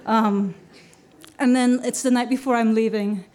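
A woman's voice: on the high side, steady tone, measured pace, darkish tone. Storyteller: adult woman, casual and chatty, stage anecdote, fillers and dry chuckles. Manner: chatty, with fillers and wry laughs. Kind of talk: live personal storytelling.

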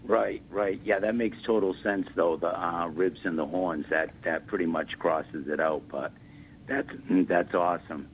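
A man's voice: sits low, fairly even intonation, a little slow, slight background noise. A man calling in to a radio show, heard over a phone line, giving brief agreeable replies. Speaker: caller. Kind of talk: call-in radio chat.

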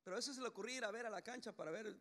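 Animated pastor with a gravelly voice. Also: male voice, sits high, racing. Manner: animated, acts out voices in storytelling. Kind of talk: sermon.

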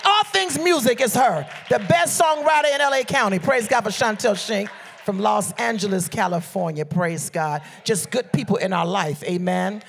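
A man's voice: high voice, creaky, a bit bright, a little hiss or hum. A middle-aged man from Liberia, preaching a sermon with fervent call-and-response exhortations to the congregation.

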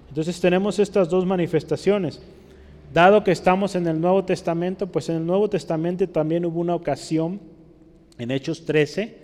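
A male pastor delivers a teaching sermon, his voice pitched a little high. He keeps checking in with the congregation through tag questions. The sound rings with the long reverb of a large church hall. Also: darkish tone.

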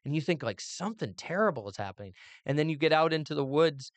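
A man's voice: on the high side, animated, quick pace, no room sound. A man hosting a casual family book discussion, playful and musing as he talks. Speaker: podcast host and father.

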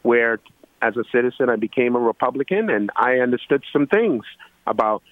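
A man's voice: mid-range voice, dry recording, narrow, tinny audio. Earnest man calling in from Guyana. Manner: earnest, halting with many fillers. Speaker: caller. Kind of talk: call-in radio talk.

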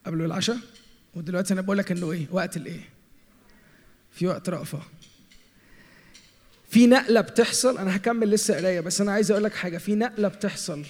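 A man's voice: high-pitched, a little mellow. A young man with an Egyptian Arabic accent preaching a sermon, playfully teasing the congregation and mixing in English words. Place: large church hall. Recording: hall with long reverb and faint music.

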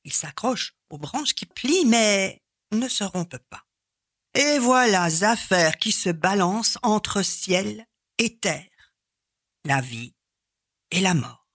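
Woman, storyteller, husky voice, unhurried, expressive, dramatic pauses, repeated refrains. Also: medium pitch, no echo, clean studio sound. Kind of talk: storytelling performance of a folk tale.

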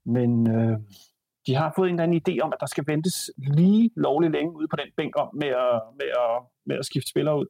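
A man's voice: on the high side, creaky, mellow, no echo. A Danish man talking football on a podcast, hesitant and frank, often repeating words as he thinks. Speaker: podcast panelist. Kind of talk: casual football chat.

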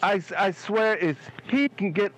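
A man's voice: high-pitched, expressive, unhurried, fairly bright tone. A man calling in to a casual sports chat, rambling with lots of fillers and restarts while his call line breaks up and drops out. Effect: call line breaking up, choppy and dropping out. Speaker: caller. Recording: dull lo-fi call audio.

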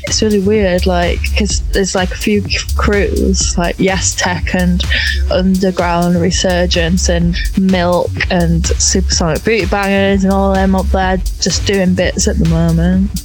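A woman's voice: fairly low pitch, flat delivery, measured pace, a little mellow, soft background music, poor audio. Chatty young Bradford woman, casual and slangy. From Bradford, northern England. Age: 20s. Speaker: guest on a music talk show. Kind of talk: casual chat, anecdotes.

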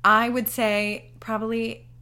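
A woman's voice: on the high side, level tone, slow pace, sharp tone. A young adult woman co-hosting a podcast in casual chat, rambling and giggling as she talks. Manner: giggly, rambling, self-deprecating. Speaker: podcast co-host.

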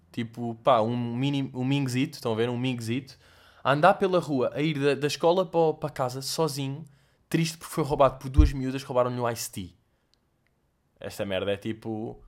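A young man from Portugal with a European Portuguese accent, telling stories in a casual, comedic, profanity-heavy vlog monologue. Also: mid-range voice. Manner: swears a lot, animated storytelling with mock voices and sound effects. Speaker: host answering viewer questions.

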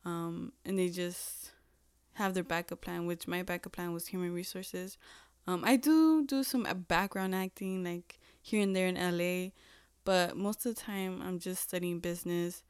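A young woman in her twenties chats on her own podcast, rambling and self-deprecating with lots of "like" and "um". Her voice is smooth and clear. The sound is dry and close, with no room around it. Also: fairly low pitch, steady tone, moderate pace, no room sound. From United States. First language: Spanish. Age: 20s. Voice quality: chatty and self-deprecating, heavy use of "like" and "um". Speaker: podcast host. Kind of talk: casual solo podcast chat.

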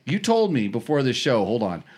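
A man's voice: mid-range voice, big pitch swings, brisk, darkish tone, husky. A man who normally hosts, now working as producer, teasing his stand-in host in a rambling way, stumbling over and repeating words. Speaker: regular host acting as producer. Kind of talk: casual comedic chat show.

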